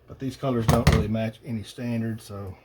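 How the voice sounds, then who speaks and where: At a cluttered indoor electronics bench, a hobbyist demonstrates testing gear while muttering and pondering to himself in a halting, casual way. His voice is lowish and steady, captured by an old phone mounted above the bench as a camera, with plenty of workshop noise.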